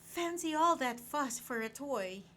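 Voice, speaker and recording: A woman voicing a brisk, matter-of-fact, dismissive mother in a bedtime story. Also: sits high, animated, pushed and bright, full character voice. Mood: brisk, exasperated.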